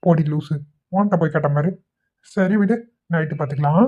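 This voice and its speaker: A young cartoon husband with a deep, low voice, put on by a woman, snapping out quick, curt lines. He is blunt and short-tempered, and he scolds more than he talks. The sound is a little dull and lo-fi. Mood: teasing.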